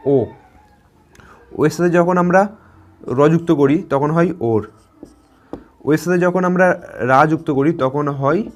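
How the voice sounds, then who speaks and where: A man teaching a grammar lesson to schoolchildren. He asks a question, answers it himself, and repeats words slowly and encouragingly. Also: a little high. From West Bengal. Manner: encouraging, addresses students directly.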